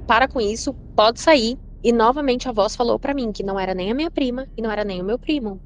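A woman's voice: medium pitch, a little mellow. A woman telling a personal story about a frightening childhood moment, earnest, with frequent fillers and repetition. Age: adult. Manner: earnest, repeats herself with many fillers. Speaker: listener sharing a personal story.

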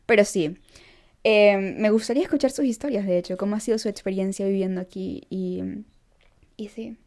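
Chatty young woman, mellow voice. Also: mid-range voice, normal speed. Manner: chatty, emphatic, laughs often. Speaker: vlogger. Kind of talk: casual chat to followers. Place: Los Angeles.

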